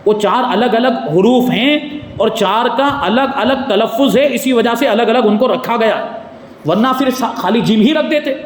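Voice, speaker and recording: A man's voice: very high-pitched, a little hiss or hum. A man teaching a religious lecture in a mosque, explaining points and putting rhetorical questions to his listeners. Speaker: mufti teaching Quran commentary. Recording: echoey hall with faint ambience.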